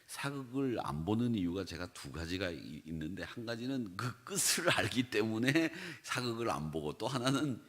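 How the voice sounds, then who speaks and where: Animated male pastor with a lively, swinging voice. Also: moderate pace, few pauses. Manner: animated, acts out quoted speech with big swings in pitch and loudness; conversational, asks the congregation rhetorical questions. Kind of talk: dawn prayer sermon.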